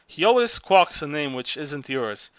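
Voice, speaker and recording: A man's voice: fairly high pitch, very animated, measured pace, fairly bright tone, no echo. A man reading the part of a bookish younger man who speaks in a dry, teasing way.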